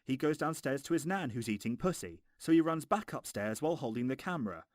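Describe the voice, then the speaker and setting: Man, film reviewer, scripted sarcasm, exasperated, sweary, very varied pitch, dry sound. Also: lively intonation, a little fast, no echo.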